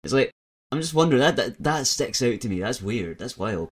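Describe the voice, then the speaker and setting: A man co-hosting a casual podcast, reacting with loud enthusiasm and plenty of swearing. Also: mid-range voice, big pitch swings, a little fast. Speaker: podcast co-host.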